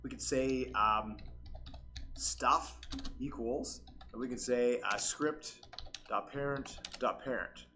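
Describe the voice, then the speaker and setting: A man's voice: medium pitch, takes it slowly, pushed and bright, slight background noise. A man hosting a casual coding tutorial while losing his voice to a cold, rambling with lots of fillers and restarted sentences. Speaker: channel host, tutorial maker.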